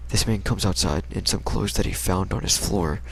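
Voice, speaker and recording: This low-pitched young American guy, his voice thick with vocal fry and a little bright, rambles through an ordinary anecdote. His delivery is relaxed, slangy and halting, broken into fragments, with a faint bed of noise behind it.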